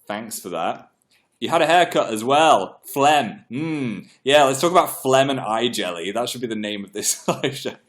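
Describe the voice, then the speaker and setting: This livestream host is a young man with a stuffy nose and a fairly bright, medium-pitched voice that moves with lively intonation at a moderate pace. Chatty and self-deprecating, he reads out viewers' comments, pausing to clear his throat.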